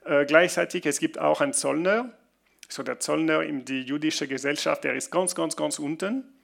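Guy preaching, kinda gravelly, a bit high, stops and restarts a lot. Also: fairly bright tone. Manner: halting non-native German with restarts, reads Bible passages slowly. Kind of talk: sermon.

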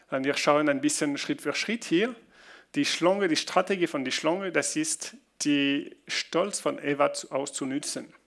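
Guy preaching, kinda gravelly, a bit high, stops and restarts a lot. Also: a bit bright. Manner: halting non-native German with restarts, reads Bible passages slowly. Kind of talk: sermon.

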